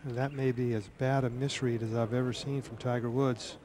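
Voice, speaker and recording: A man giving live golf commentary with deliberate, dramatic phrasing. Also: mid-range voice, level tone, darkish tone, a little hiss or hum.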